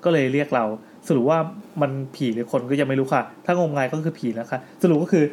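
Fast-talking male host telling ghost stories. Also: medium pitch, darkish tone, a little hiss or hum. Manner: storytelling, reads letters aloud with asides. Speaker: podcast host. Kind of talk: retelling listener ghost stories to co-hosts. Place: indoor studio with co-hosts.

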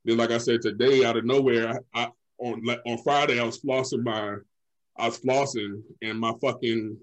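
A young man co-hosting a casual chat, telling stories in an animated, profane way, full of filler phrases. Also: mid-range voice, moderate pace, highs cut off. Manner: animated, profane storytelling full of "like" and "you know what I'm saying".

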